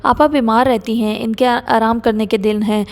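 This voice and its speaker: A woman reading the part of a gentle, dutiful grown son who speaks softly and earnestly. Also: a little high, steady tone, long reverb tail, lightly acted. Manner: soft-spoken, earnest.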